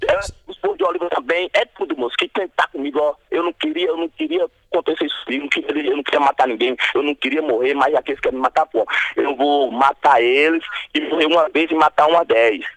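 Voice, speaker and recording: Agitated fast-talking man caller. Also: fairly high pitch, expressive, a bit bright, no room sound, low-quality recording. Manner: agitated, rambling and repetitive. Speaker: caller on a radio show. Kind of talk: phone-in talk. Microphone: phone line.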